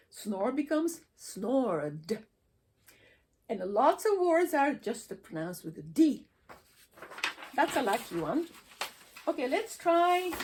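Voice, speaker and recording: A woman teaching English pronunciation, slowly sounding out words and endings for her students to repeat. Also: high voice, darkish tone, slight background noise. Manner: slow, deliberate, repeats sounds for practice. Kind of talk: pronunciation lesson.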